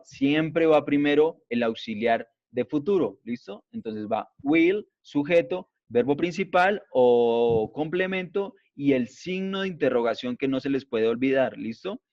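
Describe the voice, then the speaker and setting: A male teacher giving an online grammar class, explaining slowly and patiently and checking in after each point. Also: a little high. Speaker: English teacher. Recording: dull lo-fi online class audio.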